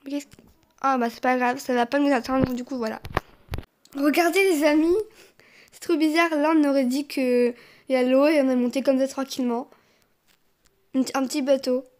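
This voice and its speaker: A young woman narrating a video game as she plays, animated, often squealing and laughing. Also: sits high, normal speed, pauses often. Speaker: gaming YouTuber. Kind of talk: excited let's-play commentary.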